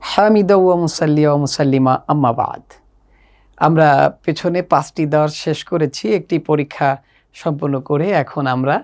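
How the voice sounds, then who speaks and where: A woman's voice: deep voice, a little mellow. A woman with a Bangladeshi accent teaching children Arabic letters step by step, stretching and repeating each sound. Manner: slow, drawn-out pronunciation drills, repeating letters. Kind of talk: step-by-step lesson.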